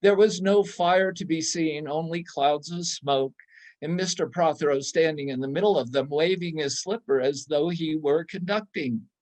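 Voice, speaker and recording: A man reading literary prose as a storyteller, in measured, deliberate phrases. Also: a little high, darkish tone. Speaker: reader in a church readers theatre.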